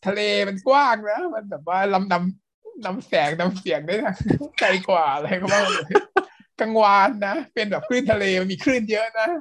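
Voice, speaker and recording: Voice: medium pitch, animated, moderate pace, a bit bright. A co-host in casual chat, pushing back with dry, matter-of-fact points. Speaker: podcast co-host.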